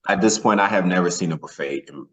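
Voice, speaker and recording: This podcast guest, a former athlete from northern Nigeria, recounts his own experiences casually, leaning on "man" and "you know." He talks at a quick pace in a low voice with a fairly bright tone.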